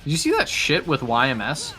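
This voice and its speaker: A man's voice: fairly high pitch, wildly swooping pitch, a little fast, sharp tone, soft background music. A man hosting a casual gaming stream, rambling with lots of fillers and swearing freely. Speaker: host.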